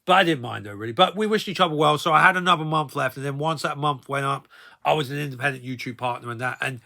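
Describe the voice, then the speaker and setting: A video blogger in his thirties rambles through personal stories in a casual vlog style, habitually tacking "though," "really," or "as well" onto the ends of his sentences. He talks fast in a fairly high, gravelly voice with a sharp edge.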